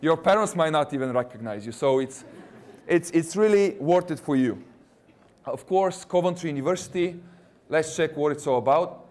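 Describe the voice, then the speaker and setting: This university recruiter, a Russian-accented man in his thirties whose first language isn't English, keeps his talk to students playful and conversational while quizzing the crowd. He sounds fairly high, animated and darkish, at a normal speed.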